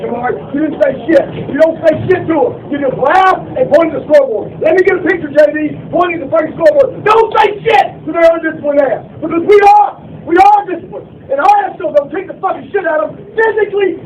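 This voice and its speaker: Man, halftime pep speech, forceful and profane, very high voice, muffled distant recording. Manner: shouting, profane, forceful, repeating phrases. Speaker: football head coach. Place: locker room. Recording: muffled leaked recording, distant, rumbling noise.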